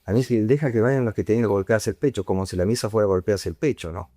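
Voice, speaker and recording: A man's voice: fairly low pitch, fast talker, mellow, dry recording, studio quality. A man, a priest giving an informal retreat talk in a conversational way that often ends on a questioning tag. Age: 50s.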